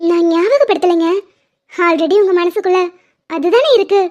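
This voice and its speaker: A woman voicing a shrill, tearful cartoon heroine. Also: normal speed, a little mellow, lo-fi sound. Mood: pleading. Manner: tearful, urgent pleading. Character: emotional young woman, loyal and impulsive. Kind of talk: Tamil cartoon dubbing.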